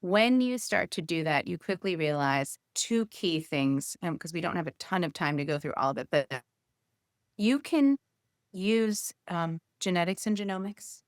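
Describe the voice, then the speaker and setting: A woman physician being interviewed as a guest, explaining ideas at length in a lively, conversational way. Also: fairly low pitch, normal speed, clear, resonant tone, dry recording, clean studio sound. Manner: explanatory, lively, thinks aloud with fillers. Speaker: guest, physician and healthcare innovation executive.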